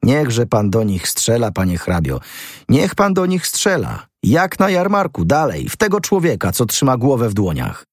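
Husky young detective guy, cocky, voice jumping way up when he gets going, a man putting him on. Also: moderate pace, few pauses, no room sound, studio quality. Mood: mocking. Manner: rising to excited, high-pitched outbursts. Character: young male amateur detective, brash and exalted. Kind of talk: audiobook character reading.

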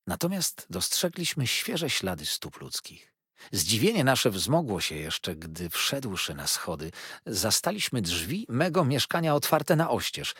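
A man narrating a novel as an audiobook in an expressive storytelling manner. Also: fairly low pitch, breathy edge, no room sound, studio quality.

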